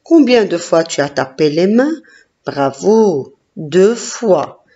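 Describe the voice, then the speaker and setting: A woman teacher leading a classroom phonics lesson, slowly sounding out syllables and praising each child. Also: fairly low pitch, very animated, mellow. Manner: slow, encouraging, sounding out syllables. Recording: dull lo-fi recording.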